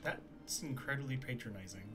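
Excitable, cursing game streamer. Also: medium pitch, normal speed, faint music behind. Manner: excitable, swears, laughs easily, self-mocking. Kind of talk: casual game stream chat.

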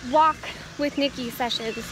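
A woman's voice: high-pitched, a little slow. Rambling teenage girl on a phone vlog. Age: teens. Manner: rambling, profane, self-mocking, frequent laughs. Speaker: vlogger. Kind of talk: casual walk-and-talk vlog. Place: outdoors on a town street. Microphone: phone at arm's length while walking. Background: faint street noise and a weed whacker.

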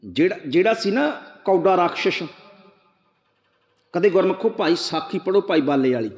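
Male preacher, high voice, rhetorical questions, slow verse recitation, dull lo-fi recording. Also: animated. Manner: addresses listeners directly. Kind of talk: sermon exposition of scripture. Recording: echoey hall, dull lo-fi sound.

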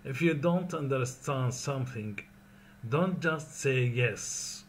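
A man with an Iraqi accent teaching an English lesson, reading each phrase slowly, repeating it, then translating it. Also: mid-range voice, a little hiss or hum.

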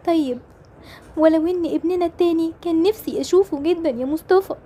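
A woman's voice: extremely high pitch, fast talker, warm tone. A woman playing a tearful young Egyptian mother. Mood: sad, pleading. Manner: plaintive, tearful pleading. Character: young mother longing for her lost twin.

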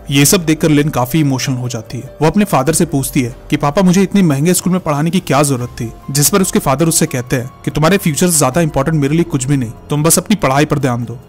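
A man tells a film's story as a fast scripted recap, words tumbling out quickly. His voice sits a little high for a man. Soft music plays under him. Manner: brisk, even storytelling pace. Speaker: movie recap narrator. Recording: narration over background music.

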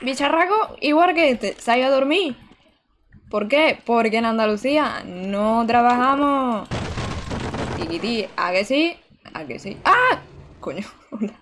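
A young woman from Barcelona chats away while streaming a video game live, breaking into exclamations and giggles as she answers viewers. Her voice sits a bit high. A faint noise runs under her desk mic indoors. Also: lively intonation, a little slow. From Barcelona, Spain. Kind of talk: casual live-stream chat while gaming. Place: indoor room.

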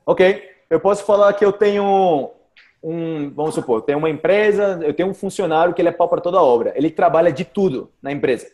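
A Brazilian man teaches everyday Portuguese expressions to a group on a video call. His voice sits a little high, and he keeps repeating examples and asking "ok?". The sound is video-call audio. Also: brisk, darkish tone. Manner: patient, repeats examples, says "ok?" and "cara" often.

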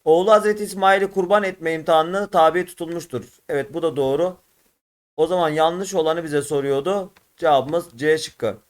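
A man with a Turkish accent teaching an exam-prep lesson, working through test questions and repeating syllables slowly. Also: a little high. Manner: addresses viewers as friends, repeats syllables slowly and drawn out. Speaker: religious studies teacher.

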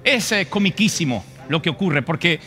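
A man's voice: fairly high pitch, lively intonation, normal speed, soft background music. A male preacher retelling a story in a sermon, dramatic and acting out the voices. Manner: dramatic, acts out voices, shifts loud and soft.

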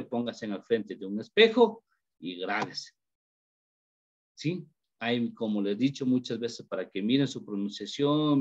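A man teaching an English class online, switching between Spanish and English and encouraging his students. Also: medium pitch. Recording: dull lo-fi audio.

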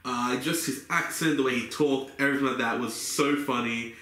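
A man's voice: medium pitch, moderate pace. Young guy rambling casually. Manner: relaxed, rambling, many fillers. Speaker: vlogger. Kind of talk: casual haul video. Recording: echoey room with faint noise.

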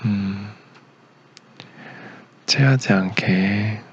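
A young man acting as a gentle, doting boyfriend in a romantic ASMR role-play, a tender leading man with a soothing, murmured, partly whispered delivery. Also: on the low side, drawn-out words, vocal fry, breathy edge, muffled recording, exaggerated voice. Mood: caring, attentive. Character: doting, gentle young boyfriend caring for his sick girlfriend.

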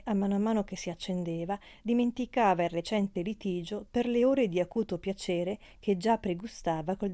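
Mellow woman reading a novel. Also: mid-range voice, dry recording, studio quality. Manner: measured, expressive reading. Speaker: audiobook reader. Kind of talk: scripted narration of a novel.

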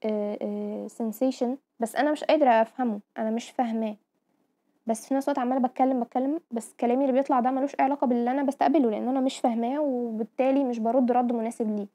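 A woman's voice: on the high side, fairly even intonation, very fast, mellow. A woman with an Egyptian Arabic accent giving a medical lecture, explaining terms step by step and often checking that listeners follow. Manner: explanatory, mixing English medical terms, frequent "tamam?" checks.

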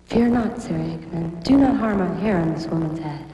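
A woman voicing a mysterious spirit that speaks slowly and grandly, recorded live in a concert hall with audience noise. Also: lowish voice, mellow, far from the mic, pitched below the performer's own voice, lightly acted. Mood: solemn.

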